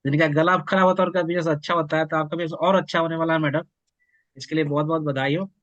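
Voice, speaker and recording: A man's voice: on the high side, steady tone, fast, a bit bright, no echo. A man co-hosting an online meeting, giving deferential prompts and congratulations over a video call. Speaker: co-host. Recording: dry, muffled video call audio.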